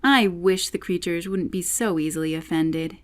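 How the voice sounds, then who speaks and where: A woman's voice: on the low side, normal speed, lightly acted. A woman voicing a polite, timid, easily flustered little girl in a storybook, with a hesitant manner. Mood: puzzled.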